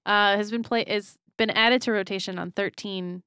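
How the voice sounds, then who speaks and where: A young adult woman, a music publicist, chatting and laughing often as she pitches bands in a casual interview. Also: steady tone, moderate pace, a bit bright, clean tone, dry recording, clean studio sound.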